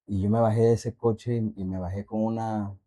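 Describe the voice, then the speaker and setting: A man on a faith podcast telling a personal testimony in a halting, reflective way, asking the listeners questions. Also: fairly low pitch, flat delivery, warm tone. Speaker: podcast co-host.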